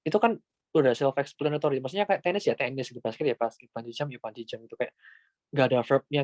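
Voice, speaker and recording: A man's voice: medium pitch, a little mellow, dry recording, muffled recording. Chatty man teaching casually. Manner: chatty, informal, many fillers like "gitu". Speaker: Japanese language tutor. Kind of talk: casual online lesson.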